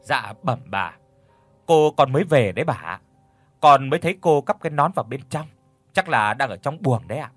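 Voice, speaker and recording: A humble young farm servant answers his mistress politely, a little loud and lively in tone , as a male storyteller voices him. He belongs to a spoken storybook. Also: medium pitch, normal speed, no room sound, faint music behind. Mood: deferential. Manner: deferential, eager to please.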